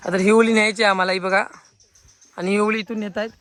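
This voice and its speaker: Excited man vlogging a village festival. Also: high-pitched, quick pace. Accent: Konkan Marathi. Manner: excited, calling out to friends while filming. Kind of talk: casual outdoor vlog commentary. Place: outdoors in a village field. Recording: crowd noise outdoors. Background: crowd of villagers.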